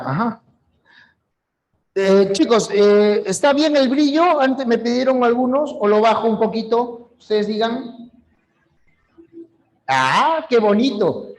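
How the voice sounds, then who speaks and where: Man, language teacher, online class, high voice, slow and deliberate, speaks straight to students. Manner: explanatory, acts out examples, addresses students directly.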